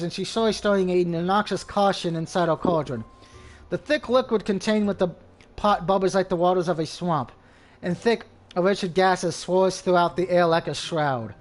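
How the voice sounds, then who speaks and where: Gamer guy reading game text, high voice, faint music behind. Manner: crude outbursts between lines. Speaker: gamer reading a visual novel.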